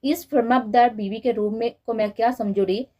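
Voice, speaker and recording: A woman's voice: fairly high pitch, fairly even intonation, brisk, warm tone, close to an everyday voice. Woman reading as a teasing young husband. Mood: coaxing.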